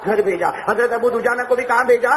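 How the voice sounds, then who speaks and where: High-voiced preacher in an echoey hall. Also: male voice, background noise. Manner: calls on the audience to repeat after him; acts out the voices in his story. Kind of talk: sermon storytelling. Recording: echoey hall with long reverb, faint ambience.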